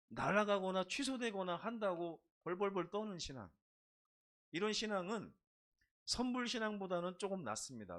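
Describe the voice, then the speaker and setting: A middle-aged man preaching a sermon in a church. His voice sits fairly high for a man, and he keeps it conversational with humorous stories and questions to the listeners. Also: fairly bright tone. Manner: humorous storytelling, asks the congregation questions. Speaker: pastor.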